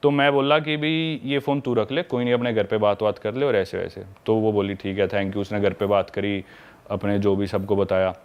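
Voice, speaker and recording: A young adult man casually telling a long travel anecdote in a podcast chat, chatty and animated. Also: fairly low pitch, moderate pace, clear, resonant tone, dull audio. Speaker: travel vlogger telling a story.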